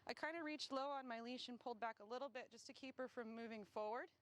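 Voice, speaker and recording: A woman dog trainer talking casually as she walks outdoors, explaining each step and breaking off to give quick praise and corrections. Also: on the high side. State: slightly winded from walking. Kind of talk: casual instructional talk while walking a dog. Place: outdoors on grass.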